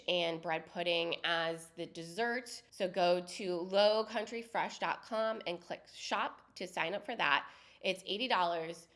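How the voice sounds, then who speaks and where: A podcast co-host with a head cold runs through a list of local events, chatting casually and warmly. Her voice is lowish and a little bright, and she covers the details in a conversational way.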